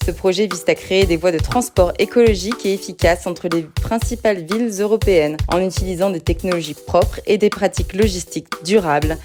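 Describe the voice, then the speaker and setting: A woman presenting a scripted news segment in a smooth, even newsreader delivery. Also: fairly low pitch, brisk, hardly any pauses. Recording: read over clear background music.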